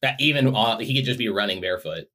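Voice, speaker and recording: Male podcast co-host, low voice, playful teasing banter. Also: expressive, quick pace, sharp tone. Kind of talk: casual chat.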